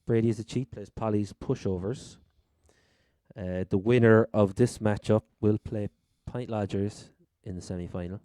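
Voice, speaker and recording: Smooth, low-voiced man with a Cork accent. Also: fairly even intonation, normal speed, warm tone, dry recording, studio quality. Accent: Cork Irish. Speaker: fantasy football podcast host. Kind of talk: casual sports chat.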